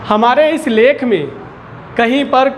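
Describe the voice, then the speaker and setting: A man's voice: very high-pitched, slow pace, slight background noise. Patient male teacher quizzing his class. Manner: patient, asks the class questions and repeats key words. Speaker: school teacher. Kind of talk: classroom Hindi lesson. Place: school classroom. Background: children in the classroom.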